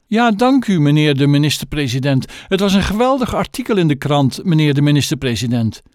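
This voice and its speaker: A man's voice: on the high side, big pitch swings, a little fast, a little mellow, dry recording, clean studio sound. A man voicing a pompous, snobbish mother and politician with an affected, posh phone voice. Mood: fawning.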